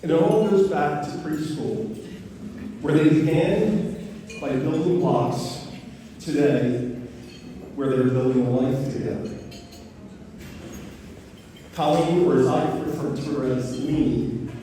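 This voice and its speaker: A middle-aged man delivers a father of the bride speech in a halting, emphatic public manner. His voice sits slightly high for a man. It comes through a very echoey hall with clear background noise. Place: large reverberant wedding reception room. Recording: echoey noisy hall, distant microphone.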